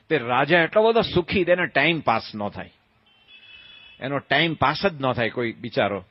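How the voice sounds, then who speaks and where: A swami gives a storytelling sermon, spinning tales in a playful, folksy way, asking his listeners questions and acting out voices. His voice sits on the high side, and the recording is dry and dull.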